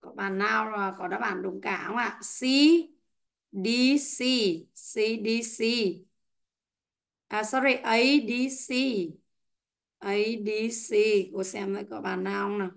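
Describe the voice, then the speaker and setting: Slow, patient woman teacher on a call. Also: mid-range voice, steady tone, creaky, a bit bright. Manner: slow, patient, drills pronunciation word by word. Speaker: English teacher. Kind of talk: online class teaching. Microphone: headset or computer mic on a video call.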